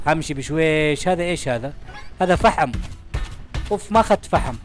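A young gaming channel host races through let's-play commentary in a slightly high voice. He chatters excitably, speaking directly to the game and everything in it, with soft music playing in the background.

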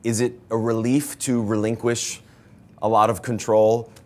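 A man interviewing film actors at a press event, friendly and quick to laugh. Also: on the low side, level tone, a little mellow.

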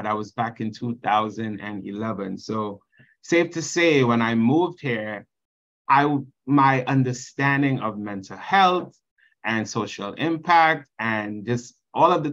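A man's voice: medium pitch, unhurried, fairly bright tone, lo-fi sound. Trinidadian man presenting on a video call. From Trinidad and Tobago. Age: 30s. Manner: earnest, reads slide text then explains. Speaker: conference presenter.

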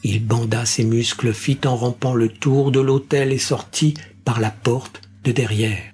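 A man's voice: mid-range voice, steady tone, unhurried, darkish tone. Man narrating an audiobook over music. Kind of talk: scripted narration.

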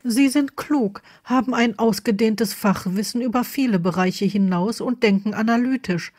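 A woman's voice: a little high, moderate pace, darkish tone, close to an everyday voice. A woman voicing a stern but kind older headmistress who speaks formally and urgently.

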